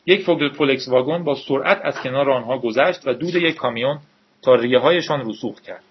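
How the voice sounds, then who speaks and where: A man reading a novel aloud in a steady, measured storytelling voice with a husky tone. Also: mid-range voice, a little hiss or hum. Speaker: audiobook narrator. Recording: dull lo-fi recording.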